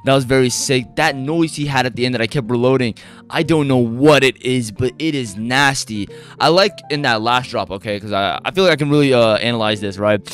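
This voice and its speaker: An excitable man talks through a beatbox performance in loose, casual reaction commentary. His voice sits at an ordinary middle pitch. He gushes, rambles and trips over fillers, with faint music playing underneath. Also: a little fast.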